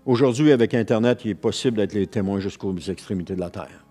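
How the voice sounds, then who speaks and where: Quebec French pastor preaching a sermon. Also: male voice, on the low side, fast, mellow, husky, faint music behind. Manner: earnest preaching with repeated phrases and restarts.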